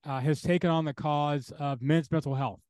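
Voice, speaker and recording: A man's voice: on the high side, steady tone, normal speed, darkish tone, clean tone, no room sound. A man speaking as an interview guest and theologian, talking earnestly and building his points through repeated parallel phrases.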